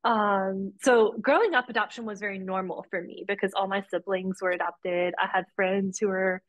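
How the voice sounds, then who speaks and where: Brief: young adult woman guest, earnest and open, mid-pitched, dry close-miked sound. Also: steady tone, normal speed, no echo, dull audio. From Romania. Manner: earnest, warm storytelling with frequent restarts. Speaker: podcast guest, policy advocate. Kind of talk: conversational interview.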